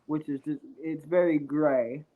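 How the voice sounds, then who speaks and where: A man's voice: a little high, fairly even intonation, unhurried, narrow, tinny audio, crowd noise. A young man who is sick, chatting casually as a podcast co-host. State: sick with a cold or similar illness.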